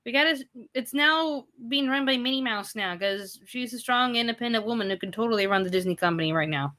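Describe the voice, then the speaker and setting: A woman in her thirties chats casually with her stream audience, reading their questions aloud and firing back animated, exasperated opinions. Her voice sits a touch high and has a bright, forceful edge. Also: brisk. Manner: animated, ranting, bursts of exasperated emphasis. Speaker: host of a live chat and Q&A stream.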